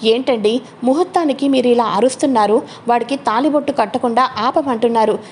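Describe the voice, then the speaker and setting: A woman's voice: on the high side, fairly quick, darkish tone, a little hiss or hum, close to an everyday voice. A woman voicing a proud, demanding matriarch insisting on answers, in a spoken soap-opera retelling.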